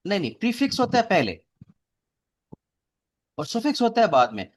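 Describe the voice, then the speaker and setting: A man's voice: sits high, wildly swooping pitch, normal speed. A man lecturing a classroom, explaining things step by step and quizzing his students. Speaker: teacher.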